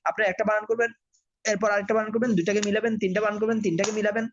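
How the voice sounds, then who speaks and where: Guy, high voice, spelling out arabic letters slow for students, kinda muffled lo-fi sound. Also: steady tone, a little hiss or hum. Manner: spells letter by letter, then blends syllables slowly; addresses learners directly, asks and answers own questions. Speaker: Quran reading teacher. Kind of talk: slow spelled-out recitation lesson. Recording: dull lo-fi audio.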